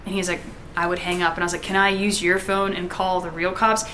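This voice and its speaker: A woman's voice: on the low side, flat delivery, a little fast, fairly bright tone, slight background noise. A young woman casually telling a personal story to her viewers, chatty and full of "like", acting out the back-and-forth of a conversation. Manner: chatty, heavy use of "like", many restarts, acts out quoted dialogue.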